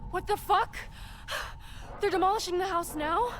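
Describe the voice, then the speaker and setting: A woman's voice: very high voice, moderate pace. A woman playing a brash, easily panicked young student reporter in a video game, with a blunt, sardonic, sweary delivery. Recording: music behind the voice.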